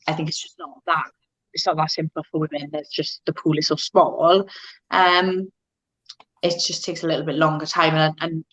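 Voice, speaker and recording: Low-voiced woman, hesitant and casual. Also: fairly bright tone, low-quality recording. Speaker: guest, MMA fighter. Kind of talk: casual interview chat.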